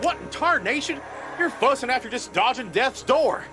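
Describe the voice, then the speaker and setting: An actor voicing a bumbling country husband in a game, with a folksy rural drawl and flustered exclamations. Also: male voice, very high-pitched, animated, moderate pace. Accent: rural drawl (fictional county). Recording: game audio with loud music behind.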